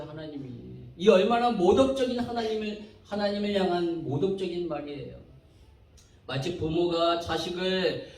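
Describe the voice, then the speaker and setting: A man preaching a sermon as pastor, animated, acting out people's complaints in quoted voices. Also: sits high, reverberant, far from the mic, rough recording.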